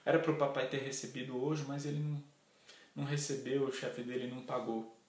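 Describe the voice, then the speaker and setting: A man voicing a gentle, downcast father of two girls, speaking softly, in an echoey room. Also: medium pitch, little pitch movement, a little fast, close to an everyday voice. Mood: gentle, sad. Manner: soft, subdued.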